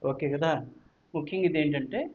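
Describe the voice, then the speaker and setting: A man's voice: on the high side, normal speed. A male physics teacher with a Telugu accent talks students through exam prep, mixing Telugu and English and repeating points with check questions. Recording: dull, lo-fi audio.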